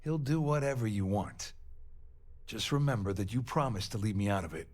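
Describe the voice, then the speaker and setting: A man's voice: on the low side, moderate pace, darkish tone, close to an everyday voice. An actor playing a blunt, suspicious, self-serving male passenger on a starship in a video game. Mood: grudging, vengeful.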